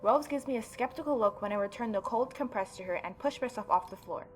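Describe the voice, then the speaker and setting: A woman gaming YouTuber reading a story game aloud and adding expressive, mocking asides. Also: a little high, fast talker, soft background music. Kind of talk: let's-play reading aloud with reaction commentary.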